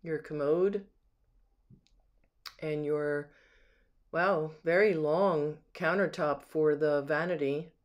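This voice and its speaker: This mid-range voice belongs to a home sales agent filming an empty house on a handheld camera, touring the rooms and praising features one by one in loose, unscripted narration. The tone stays steady, the pace slow, with frequent pauses.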